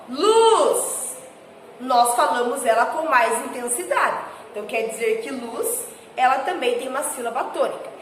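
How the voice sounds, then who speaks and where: Brazilian woman teacher, highish voice, slows way down and stresses words reading to kids, echoey room. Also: fairly bright tone, a little hiss or hum. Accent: Brazilian Portuguese. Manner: slow, stressed words when reading sentences aloud. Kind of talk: recorded class lesson for children. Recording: echoey room with faint ambience.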